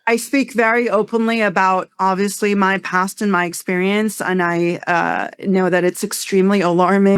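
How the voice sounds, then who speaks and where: Casting: woman from Iran, podcast guest, smooth clear voice, dry close sound, open and emphatic. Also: medium pitch, dry recording. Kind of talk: candid podcast conversation.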